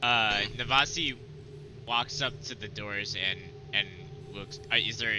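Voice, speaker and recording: A man playing a tabletop game, casually describing his character's actions in a halting way. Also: on the low side, background noise. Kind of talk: casual improvised game chat.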